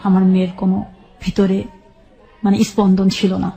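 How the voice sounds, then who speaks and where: A Bangladeshi-accented woman, a guest in an interview, narrates her life in a monotone, gravelly voice that is also dark and soft-edged at a usual female pitch. She relates events step by step with halting detail and often repeats a phrase.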